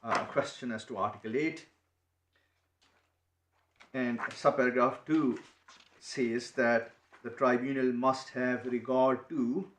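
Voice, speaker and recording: Halting barrister in an echoey courtroom. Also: male voice, medium pitch, fairly even intonation. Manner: halting, many restarts and repeated words. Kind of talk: courtroom legal submission. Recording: echoey courtroom, faint noise.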